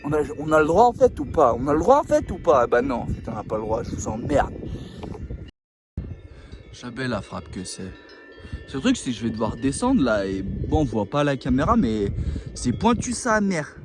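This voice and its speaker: A man with a medium-pitched voice talks at a normal speed, very animated, with music playing behind him. He's vlogging casually outdoors on a mountainside, joking to the camera and swearing in loose slang as he chats.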